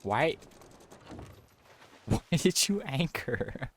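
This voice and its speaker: Lively, exclamatory man bantering over a game. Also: mid-range voice, drawn-out words, breathy edge. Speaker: gamer playing co-op. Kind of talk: casual gameplay banter.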